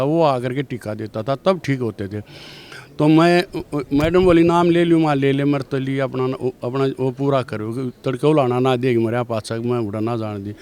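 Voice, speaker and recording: A man's voice: a little high, a little mellow, clear, resonant tone. An older man tells a personal testimony story in a rambling way, with many restarts. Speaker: devotee giving testimony.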